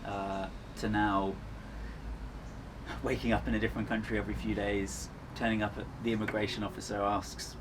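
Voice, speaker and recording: A man with a fairly low voice talks casually as a guest in an interview. His way of speaking is earnest and reflective. Clear ambient noise sits behind his voice. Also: little pitch movement, normal speed. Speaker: endurance runner, interview guest. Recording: clearly noisy ambient background.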